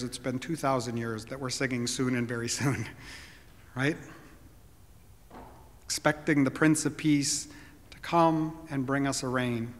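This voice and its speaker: A man in his sixties preaching a sermon from a church pulpit, earnest and reflective. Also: on the high side. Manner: earnest, reflective preaching with occasional soft laughs. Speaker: pastor. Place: church sanctuary, at a wooden pulpit. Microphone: pulpit microphone. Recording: long church reverb.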